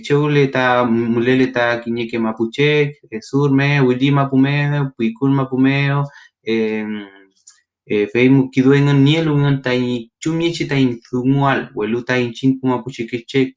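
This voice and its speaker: Male guest, very slow and hesitant, mid-pitched, muffled lo-fi call sound. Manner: hesitant, with many pauses and fillers. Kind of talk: casual interview answer. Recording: dull lo-fi sound.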